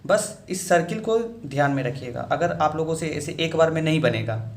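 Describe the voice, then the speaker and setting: Man, patient teacher, repeats steps, slightly high voice, echoey room. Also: animated, moderate pace, slight background noise. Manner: patient, repeats each step with frequent check-ins. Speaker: shorthand teacher. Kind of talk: step-by-step lesson.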